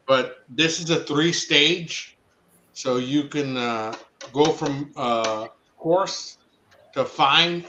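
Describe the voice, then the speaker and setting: A man's voice: medium pitch, reverberant, noisy background. A man chatting casually on a livestream, swearing easily while eagerly showing off kitchen gear. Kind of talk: casual chat.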